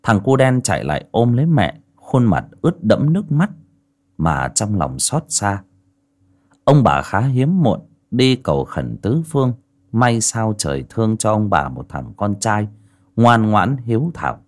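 Expressive male audiobook narrator. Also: fairly low pitch, a little slow. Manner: expressive, storytelling cadence. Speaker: storyteller.

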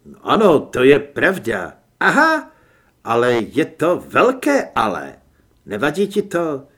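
A man's voice: a little high, wildly swooping pitch, a bit bright, husky, full character voice. A man reading an audiobook, voicing a stubborn, idealistic young male reporter who argues emphatically. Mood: hesitant.

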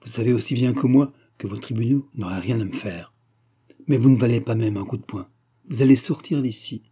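A man's voice: mid-range voice, brisk, warm tone, breathy edge, close to an everyday voice. A man doing a stern rugged hunter. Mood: coldly threatening. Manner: stern, threatening.

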